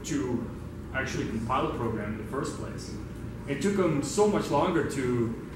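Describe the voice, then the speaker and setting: At an indoor meetup, a Belgian man leads a workshop with a relaxed, conversational talk, drawing in the audience through questions. His voice is medium-pitched, and the recording is distant and very reverberant, with clear background noise throughout.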